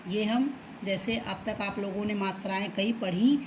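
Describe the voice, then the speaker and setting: A woman teacher patiently explaining a children's lesson, often checking in with a quick okay and drawing words out slowly to sound them out. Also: mid-range voice, noisy background. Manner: slow, drawn-out syllables when reading words aloud. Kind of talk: children's Hindi alphabet lesson.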